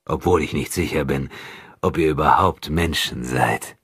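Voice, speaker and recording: A cruel armored knight who mocks his captive in a slow, drawn-out sneer, as a man voices him in an audiobook. The voice sits very deep with a husky grain, and the recording is dry and close. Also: fairly bright tone, no room sound, full character voice. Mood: mocking. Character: cruel armored male knight, mocking and calm. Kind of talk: audiobook character reading.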